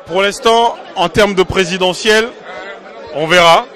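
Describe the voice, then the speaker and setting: A man's voice: high-pitched, measured pace, a bit bright, a faint crowd. A man from Congo, a diaspora political activist, answering interview questions in an emphatic, insistent way and repeating his points.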